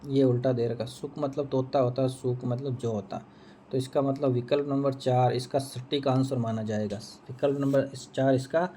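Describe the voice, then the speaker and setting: A man's voice: mid-range voice, dark tone, a little hiss or hum. Repetitive male Hindi teacher. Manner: repeats answers, asks and answers own questions. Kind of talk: exam answer key walkthrough.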